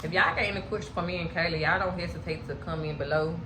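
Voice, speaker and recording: A woman's voice: on the low side, steady tone, fast talker. Lady chatting casually on a mukbang, talking while chewing, echoey room w noise behind. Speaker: mukbang co-host. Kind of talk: casual chat during a mukbang. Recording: roomy echo, clear background noise.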